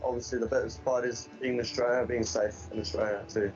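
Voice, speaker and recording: A man's voice: mid-range voice, flat delivery, a little fast. A young man from Afghanistan speaks in a plain, conversational way. He sounds a little distant and muffled, with faint music playing beneath him. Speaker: interviewee, lifeguard. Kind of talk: recorded video testimony. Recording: dull distant mic with soft music.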